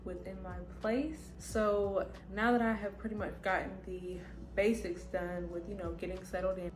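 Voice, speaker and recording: A woman vlogging casually, with a slight lisp from wearing retainers. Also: mid-range voice. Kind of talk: casual vlog chat. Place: indoors at home, echoey apartment room. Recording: roomy echo, music behind.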